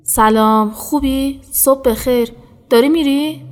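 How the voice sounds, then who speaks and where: A woman's voice: sits high, soft background music, close to an everyday voice. An actress playing a devoted middle-aged wife who speaks tenderly to her husband, sometimes close to tears. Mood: warm, gentle. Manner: tender, tearful pleading.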